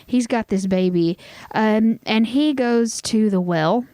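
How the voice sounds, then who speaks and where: A woman's voice: a little high, slow, dark tone, dry recording. Woman podcaster telling a story, casual. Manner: swearing, filler-heavy, laughs often. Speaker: podcast co-host.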